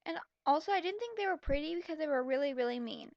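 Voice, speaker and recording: A young woman with a high-pitched, expressive voice reads a story aloud quickly, adding blunt, mocking, exasperated commentary as she goes. The home recording has no room sound and is slightly dull.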